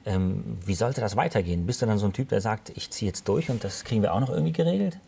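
Male interviewer, husky and breathy, calm prompting questions. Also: lowish voice, fast talker. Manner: gentle, prompting with short "mhm"s.

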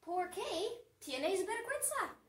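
A woman doing a gentle mother mouse. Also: extremely high pitch, big pitch swings, slow, echoey room, far from the mic, voice pushed up, heavily acted. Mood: concerned.

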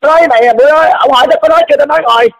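A man stammers and repeats himself as he defends his side in a heated phone argument. His voice sits very high and gravelly, and his words tumble out at great speed. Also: very fast, poor audio. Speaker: caller in a dispute. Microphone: phone call.

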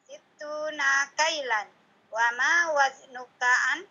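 Slow, high-voiced woman student. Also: bright, forceful tone, muffled recording. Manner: slow, careful reading. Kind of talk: reading an Arabic dialogue aloud.

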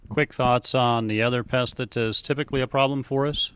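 Brisk man hosting a farm interview. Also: mid-range voice, fairly even intonation, fairly bright tone, a little hiss or hum. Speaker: farm radio director and correspondent. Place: office with windows and plants, indoors. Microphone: handheld mic.

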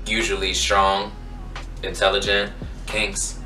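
A man in his twenties from Maryland, giving frank, reflective interview answers that turn animated when he argues a point. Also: fairly low pitch, takes it slowly. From Maryland, USA. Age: 20s. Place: room with yellow backdrop. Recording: echoey room, distant mic, faint music.

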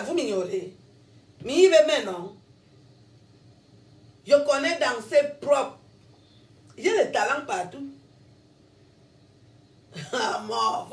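This self-filmed rant comes from a social media personality, a woman with a Cameroonian French accent who scolds her followers, says things over and over and laughs in between. Her voice is a little high and sounds reverberant and far from the mic.

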